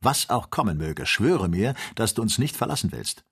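A resolute older doctor leading an expedition in an audiobook, earnest and commanding, voiced by a man. His voice is low and husky. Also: big pitch swings, moderate pace, a bit bright, heavily acted. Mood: grave. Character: calm resolute older male explorer doctor.

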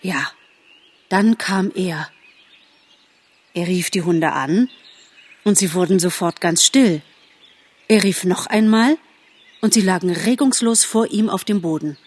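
A woman voicing a boastful, earnest young male deer in a spoken storybook, with a somewhat husky tone. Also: fairly low pitch, takes it slowly, pauses often, darkish tone.

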